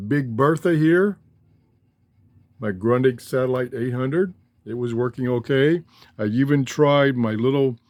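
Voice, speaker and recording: Using a handheld cell phone in a cluttered downstairs room at home, an older man hosts his shortwave radio hobby vlog. His mid-range voice is mellow, the recording dry and studio-quality, and he talks in a casual, folksy, rambling manner, interrupting himself often.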